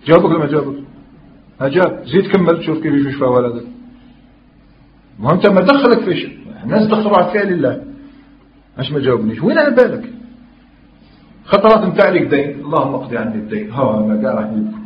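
A man's voice: on the high side, very animated, very fast, long pauses, a little hiss or hum. A man with an Algerian Arabic accent giving an emphatic religious lesson, quoting scripture and questioning his listeners. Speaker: religious teacher. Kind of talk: Islamic lesson in mixed Algerian dialect and classical Arabic. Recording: echoey, dull lo-fi room recording.

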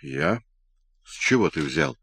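A man voicing an exuberant young male scientist who teases and talks loudly in an audiobook reading. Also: a bass voice, big pitch swings, takes it slowly, vocal fry, breathy edge, no echo, heavily acted. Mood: irritated. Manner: giddy, teasing, loud.

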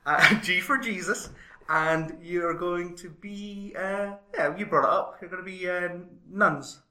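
A man's voice: high-pitched, unhurried, very noisy. A man hosting an improv comedy show in a casual style, setting up games for the performers. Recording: echoey room.

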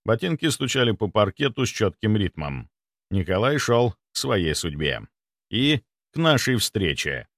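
A man narrating a first-person audiobook in an expressive, wry manner. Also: medium pitch, no echo, studio quality.

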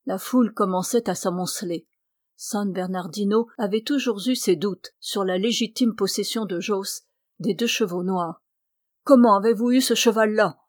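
A woman narrating a novel as an audiobook reader in a steady, measured reading on a close mic. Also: medium pitch, no echo. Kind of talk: scripted narration.

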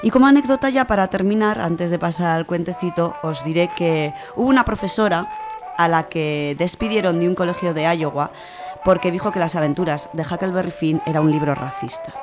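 A radio book review, informal and colloquial, comes from a speaker with an accent from Spain who explains things conversationally. The voice is medium-pitched and a little fast, and music runs beneath it.

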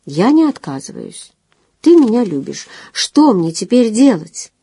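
Wry, evasive young man voiced by a woman narrator, mellow and understated. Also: mid-range voice, sing-song, a little slow, husky, no echo, full character voice. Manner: ironic, dry understatement. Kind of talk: audiobook dialogue reading.

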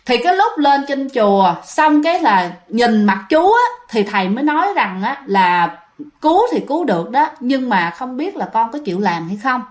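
A woman's voice: on the high side, sing-song, moderate pace. A woman with a Southern Vietnamese accent, casually retelling a ghost story and chatting directly to her listeners.

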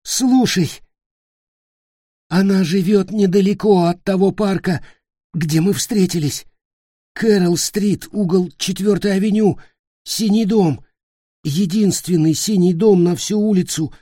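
A dying teenage boy from a storybook, voiced by a male narrator, desperate and furious. His strained voice leaps high above the reader's and turns loud and raw. Husky, close and dry. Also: takes it slowly, pauses often, no room sound. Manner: pleading, then shouting in fury. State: weak and coughing.

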